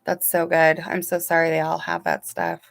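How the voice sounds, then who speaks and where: A woman reading viewer comments aloud on a casual live stream from her room at home, answering each one warmly and softly. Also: sits low, big pitch swings, moderate pace, vocal fry, dry recording. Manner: warm, chatty, reads comments aloud and responds softly. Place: home room with curtains and sunlight.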